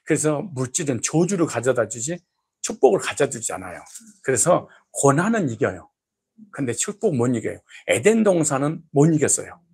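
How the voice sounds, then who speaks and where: Gravelly, husky-voiced male pastor preaching. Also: medium pitch, sing-song, normal speed, a little mellow. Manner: folksy, scolding, jokey preaching with blunt asides. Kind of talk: sermon.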